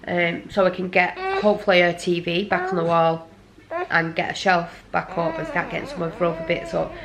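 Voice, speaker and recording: A woman's voice: lowish voice, level tone, brisk, crowd noise. A tired woman rambling apologetically in a casual home vlog. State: exhausted. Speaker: parent vlogger. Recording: noisy home recording.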